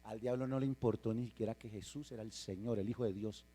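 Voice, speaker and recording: A man's voice: fairly low pitch, steady tone, fast, mellow. A male pastor, delivering an emphatic sermon in a church and putting rhetorical questions to the congregation. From Colombia.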